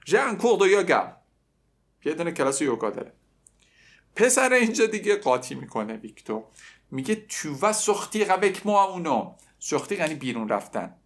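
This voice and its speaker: A young man teaching a language lesson, slowly repeating phrases and conjugating verbs aloud, with joking asides. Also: a little high, very animated. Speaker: French teacher.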